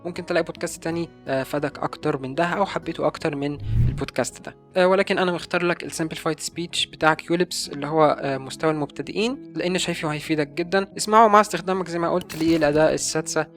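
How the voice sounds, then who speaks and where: Egyptian guy talking super fast about learning tips, kinda high voice, faint music behind. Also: fairly bright tone. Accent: Egyptian Arabic. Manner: rapid, earnest recommending. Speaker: language-learning YouTuber. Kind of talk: casual advice video.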